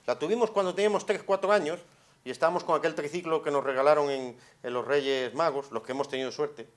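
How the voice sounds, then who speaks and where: Here a male psychologist lectures at a conference, his high-ish voice moving quickly. He is expressive throughout, dropping to a hush then getting loud, and keeps posing rhetorical questions to the hall.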